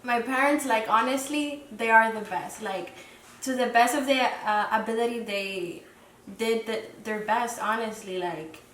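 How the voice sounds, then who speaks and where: Speaking a little slowly in a somewhat high, slightly bright voice, a young woman from the Dominican Republic, in her twenties, appears as a guest on a casual interview podcast. She's reflective and hesitant, with plenty of fillers. Sound is roomy and echoey, mic distant, noise faint.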